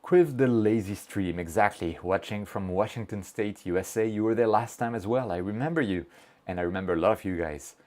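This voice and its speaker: On a casual livestream, a male host chats away, reading viewer messages aloud, poking fun at himself and explaining technical steps plainly. His voice is on the low side and darkish, and he talks a little fast.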